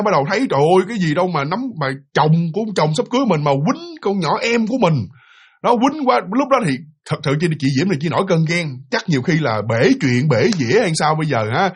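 A man's voice: a little high, husky. A man with a Southern Vietnamese accent telling a ghost story in a chatty way, repeating words and talking to listeners. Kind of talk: casual spoken ghost story.

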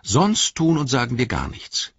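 A man's voice: mid-range voice, huge pitch swings, gravelly, husky, dry recording, muffled recording, pitched above the performer's own voice, exaggerated voice. Man doing a careful young hobbit, raised voice. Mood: careful cunning. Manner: deliberate, measured.

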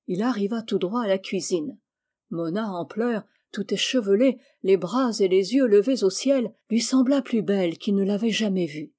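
Reading a fairy tale aloud, a female storyteller keeps an expressive, measured pace. Her mid-pitched voice is dark and mellow, with a breathy edge.

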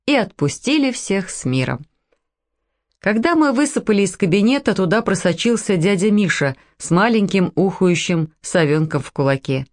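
A woman narrating a humorous story as an audiobook, reading in a lively, playful way. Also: medium pitch, moderate pace.

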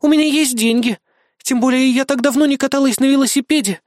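An innocent-sounding soldier woman with a soft, dreamy lilt, as the reader plays her, pitched above the narration. She is recorded dry and up close. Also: fairly quick, no echo. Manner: flat, innocent tone. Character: red-haired female lieutenant, innocent-sounding and stern.

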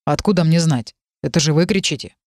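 A woman voicing a calm, curious male dragon who speaks inside the heroine's head, in a matter-of-fact, politely puzzled way. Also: low voice, fairly quick, dry recording, studio quality, natural voice. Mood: dry curious.

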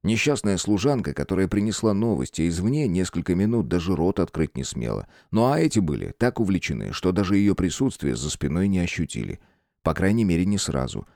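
A man narrating a fantasy audiobook in an expressive, dramatic reading. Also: sits low, fairly quick, dry recording, studio quality.

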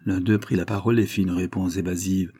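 Low husky male narrator. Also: fairly even intonation, fast, dark tone, no room sound, clean studio sound. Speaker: audiobook reader. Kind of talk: scripted narration of a classic novel.

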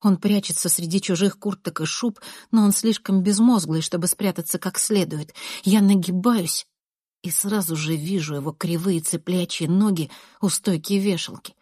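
Husky woman reading an audiobook, calm, dry close sound. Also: on the low side, moderate pace, no room sound. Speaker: narrator. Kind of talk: audiobook narration, first person.

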